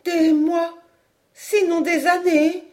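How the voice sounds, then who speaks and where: A woman's voice: sits high, very animated, normal speed, a little mellow, voice pushed up. A woman voicing a terrified despairing mother. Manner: anxious, pleading and tremulous. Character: frightened middle-aged mother, despairing.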